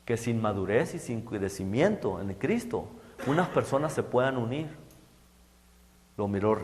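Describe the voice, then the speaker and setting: A middle-aged man preaching a sermon, halting and repeating words as he goes. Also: mid-range voice. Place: church hall. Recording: echoey church hall.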